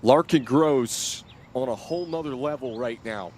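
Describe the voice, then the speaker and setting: Male golf commentator, medium-pitched voice, live play-by-play for a tournament broadcast. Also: measured pace, darkish tone.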